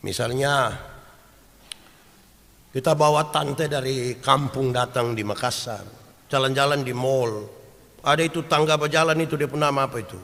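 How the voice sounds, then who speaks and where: A man preaching a sermon, animated and storytelling, swinging from loud acted quotes to hushed asides and asking the congregation questions. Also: medium pitch, moderate pace, pauses often. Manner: homely storytelling with humor and rhetorical questions. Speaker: pastor. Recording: long hall reverb.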